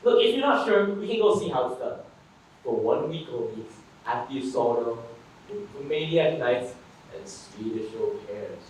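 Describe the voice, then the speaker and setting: A man's voice: mid-range voice, big pitch swings, moderate pace, darkish tone, far from the mic, a little hiss or hum, lightly acted. A young man playing a posh, confident young man of means, plummy and coaxing. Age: young adult. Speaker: student stage actor. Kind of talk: stage play acting. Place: school theatre stage. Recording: echoey stage recorded from afar, music.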